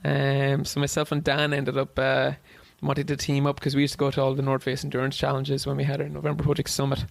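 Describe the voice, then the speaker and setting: Gravelly Irish man, chatty guest. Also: medium pitch, monotone, fast talker, few pauses, no room sound. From Ireland. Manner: chatty, swears casually, rambling restarts. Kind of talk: casual interview chat.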